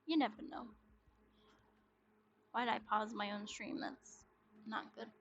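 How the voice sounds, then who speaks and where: A woman's voice: a little high, fairly even intonation, unhurried, a little hiss or hum. A young woman streaming a game, chatting casually and humming sleepily to herself between reads. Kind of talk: game playthrough commentary. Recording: dull lo-fi sound.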